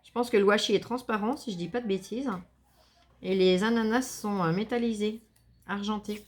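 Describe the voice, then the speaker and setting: A woman vlogger chatting casually to viewers while opening a scrapbooking parcel, gushing and enthusiastic with a slightly gravelly voice. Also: medium pitch, fairly even intonation, normal speed, darkish tone. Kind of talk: casual unboxing chat to viewers.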